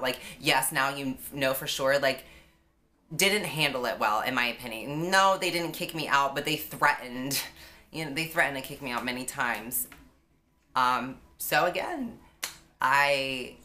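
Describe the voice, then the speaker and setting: Low-voiced young woman, candid vlogger. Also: bright, forceful tone. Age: young adult. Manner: halting and candid, heavy use of "like". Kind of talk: confessional vlog.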